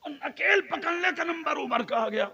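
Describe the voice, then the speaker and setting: High-pitched, gravelly, fervent male preacher. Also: lively intonation, moderate pace, dull audio. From Moradabad, India. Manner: fervent, shouting on key lines, joking with listeners. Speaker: Islamic preacher. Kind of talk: religious sermon at a night gathering.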